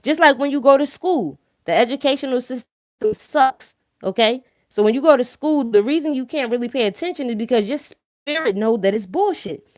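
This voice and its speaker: With a thick Philadelphia accent, a live-stream host gives her viewers blunt, emphatic opinions, slangy and swearing freely, repeatedly tacking on tag questions to check they follow. Her high-pitched, expressive voice moves briskly and sounds a little mellow. The recording is dry and studio quality.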